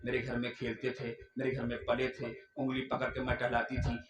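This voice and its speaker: A man's voice: on the high side, normal speed, a bit bright, recorded from a distance, faint music behind, lightly acted. A preacher voicing a worried devoted woman. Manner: anxious, musing aloud. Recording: echoey venue with crowd.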